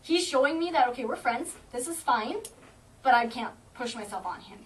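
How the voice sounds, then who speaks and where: A woman's voice: sits high, animated. Confident woman trainer heard from afar. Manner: confident, explains with quick acted-out dog thoughts. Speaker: shelter animal trainer. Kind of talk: teaching a group of volunteers. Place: indoor room at an animal shelter. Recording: distant camera mic, faint noise.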